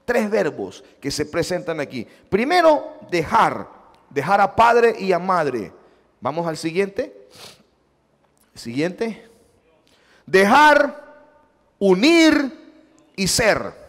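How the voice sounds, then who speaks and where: A man's voice: high-pitched, sing-song, slow pace, long pauses, a bit bright, in a large hall. A man, a pastor with a Salvadoran Spanish accent, preaching a sermon and acting out the dialogue of his stories. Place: church sanctuary.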